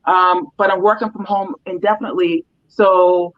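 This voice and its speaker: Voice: mid-range voice, fairly even intonation, moderate pace. A dog trainer explaining behaviour problems in a loose, casual interview, with many ums and you-knows. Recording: dull, slightly lo-fi sound.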